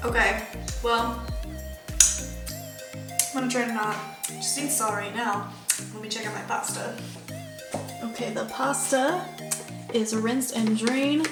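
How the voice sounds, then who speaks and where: A woman chatting casually through a vegan cooking demo at home, gushing about the food and filling her talk with "um" and "like.". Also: fairly high pitch. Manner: chatty, full of fillers like "um" and "like". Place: home kitchen. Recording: echoey room with background music.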